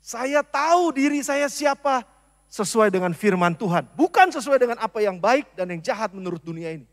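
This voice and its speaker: Pastor guy preaching, really high voice, big loud bits then quiet asides, long church echo. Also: normal speed. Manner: animated preaching, swinging from loud emphasis to soft asides. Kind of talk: sermon. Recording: long church hall reverb.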